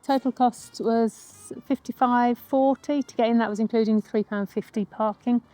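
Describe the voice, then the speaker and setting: A woman's voice: a little high, steady tone, moderate pace, dark tone, soft background music. A woman chatting casually and enthusiastically as a travel vlogger, recorded outdoors on a day out. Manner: enthusiastic, laughs easily. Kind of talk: casual chat. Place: outdoors at a museum.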